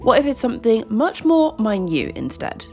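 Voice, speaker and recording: Brief: young woman, vlog host, earnest and chatty, pitch bouncing all over. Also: big pitch swings, normal speed, gravelly, a little mellow, soft background music. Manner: earnest, chatty, many restarts and likes. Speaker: video host. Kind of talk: casual vlog talk to camera.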